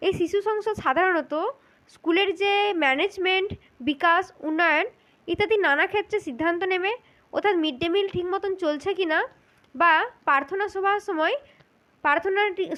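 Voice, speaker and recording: A woman with a very high voice talks through exam answers as a spoken lesson. She works methodically, repeating each key point and speaking directly to the listener. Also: fairly bright tone. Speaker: teacher for exam interview prep.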